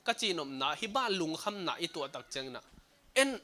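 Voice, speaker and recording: A man preaching a sermon at a church service streamed online, talking in an animated way and laughing now and then. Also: fairly high pitch, fast talker.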